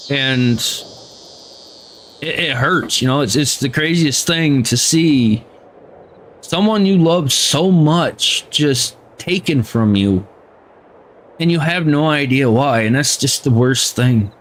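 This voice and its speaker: A man's voice: medium pitch, slow pace. A man streaming a game, ranting heatedly in casual chat and swearing freely. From United States.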